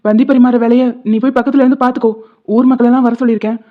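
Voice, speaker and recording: A woman's voice: on the high side, little pitch movement, rapid-fire, natural voice. A woman voicing a stern, bossy village-head husband, tinny sound. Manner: scolding, commanding.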